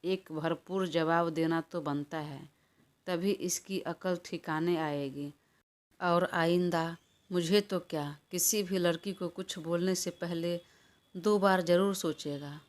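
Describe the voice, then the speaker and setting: A woman's voice: lowish voice, steady tone, slow. A woman reading an audio story, voicing a stubborn, hot-tempered young woman in a quarrelsome, defiant manner. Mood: indignant. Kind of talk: audiobook character voice.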